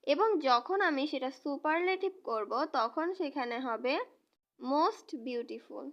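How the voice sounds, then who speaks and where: High-voiced woman teaching grammar slowly. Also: expressive, lo-fi sound. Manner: slow, repeats and spells out words. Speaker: English teacher. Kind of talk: explaining grammar to students.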